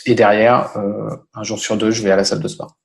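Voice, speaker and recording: A man's voice: fairly low pitch, little pitch movement, a little fast, gravelly. A man being interviewed as a podcast guest, talking casually and thinking aloud as he explains. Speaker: podcast guest, online business owner.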